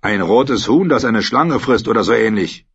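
A man's voice: on the low side, lively intonation, normal speed, fairly bright tone, breathy edge, full character voice. A man voicing a blunt, mocking sellsword in a storybook reading. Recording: dull lo-fi audiobook recording.

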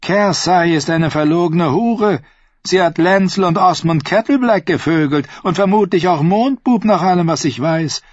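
A man's voice: high-pitched, moderate pace, no room sound, muffled recording, pitched above the performer's own voice. A man voicing a bitter, venomous dwarf who snarls his words in an audiobook. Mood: spiteful. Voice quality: snarling, spiteful. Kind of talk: audiobook character voice.

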